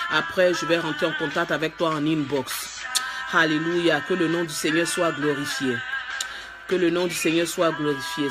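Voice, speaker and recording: A woman preaching a live-streamed sermon, fervent and repetitive, with bursts of speaking in tongues. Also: sits low. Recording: loud music underneath.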